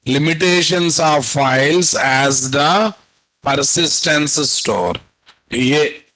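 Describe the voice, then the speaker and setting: A man with a Telugu Indian accent teaches programming online. His voice sits a little high and he speaks very slowly, as if dictating notes. He repeats phrases and keeps prompting his students with questions. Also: pushed and bright, poor audio. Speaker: programming instructor. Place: indoor room at a computer, video call.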